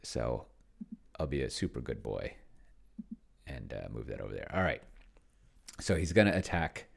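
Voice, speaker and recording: This man has a very deep, slightly rough voice with vocal fry, speaking at normal speed in a sing-song way. He gives rambling, casual commentary on a solo tabletop game for a screen recording, muttering to himself as he types. The keyboard clicks away behind him.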